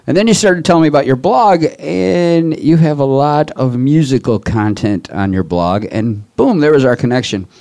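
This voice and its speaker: A man's voice: mid-range voice, animated, moderate pace, few pauses, dark tone. A man hosting an interview, chatty and encouraging. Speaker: host. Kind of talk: casual interview chat.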